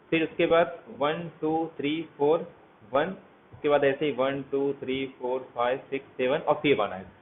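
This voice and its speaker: A man teaching a math lecture, walking through each step and asking his students questions as he goes. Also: a little high. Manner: walks through steps, asks students questions. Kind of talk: explanatory lecture. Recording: tinny phone-like audio, faint hiss.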